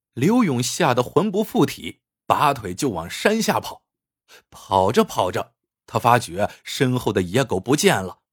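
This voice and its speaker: A man narrating a scripted story in an expressive, animated way. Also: medium pitch, slightly rough, no echo, studio quality.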